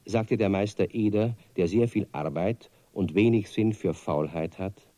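A man narrating a children's radio play with lively, expressive storytelling. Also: fairly low pitch, a little slow, no room sound.

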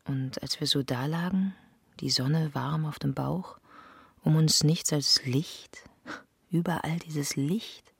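A woman's voice: low-pitched, gravelly, slightly rough, dry recording. A woman delivering a literary first-person monologue in an intimate, often half-whispered voice. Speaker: narrator.

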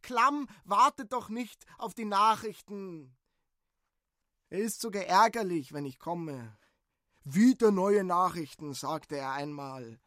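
An actor playing Barnabas, a humble, dutiful young village messenger in a radio drama. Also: male voice, high voice, slow, sharp tone, no echo, clean studio sound, full character voice. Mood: subdued.

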